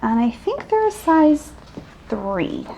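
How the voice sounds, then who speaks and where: Woman, reseller host, gravelly, chatty haul talk. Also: high-pitched, sing-song, slow pace, background noise. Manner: chatty, describes items and sizes, laughs easily. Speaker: thrift reseller and channel host. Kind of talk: casual haul chat.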